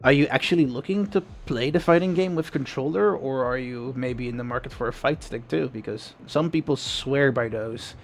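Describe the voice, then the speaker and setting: A man's voice: medium pitch, normal speed, gravelly, hardly any pauses, a little hiss or hum. A young man streaming a game, chatting casually and rambling through answers to viewers' questions.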